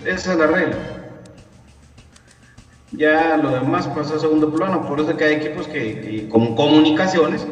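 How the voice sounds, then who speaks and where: A man's voice: a little high, normal speed, pauses often. A man co-hosting a casual sports podcast, explaining points firmly and repeating them. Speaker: podcast co-host. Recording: roomy, distant, dull audio with faint music.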